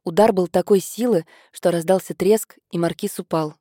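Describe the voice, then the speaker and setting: A woman narrating an audiobook in a measured, steady reading. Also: on the low side, no room sound, clean studio sound. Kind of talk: scripted narration.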